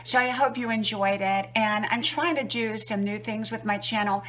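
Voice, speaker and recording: Jogging at an easy pace along a trail and roadside, a woman in her sixties vlogs for her wisdom channel, chatty and reflective as she shares gentle homespun advice. Her mid-range voice is steady and normal in speed, though the audio is poor.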